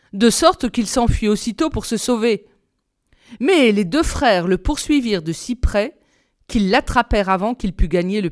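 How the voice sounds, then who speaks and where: Woman reading a fairy tale, crisp voice. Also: mid-range voice. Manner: clear, expressive storytelling. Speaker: reader.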